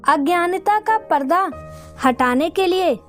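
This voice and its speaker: A woman's voice: extremely high pitch, animated, slow pace, faint music behind, full character voice. A woman voicing a merciful mother goddess who speaks solemnly and kindly. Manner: solemn and reassuring.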